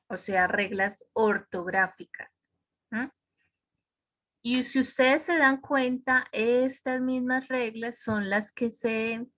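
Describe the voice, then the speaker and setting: Woman teaching a web-conference lesson; higher pitch, deliberate pace, checks in often. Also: pushed and bright. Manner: explains step by step, checks with "¿cierto?". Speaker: English teacher. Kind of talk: online class lecture. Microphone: computer microphone on a video call.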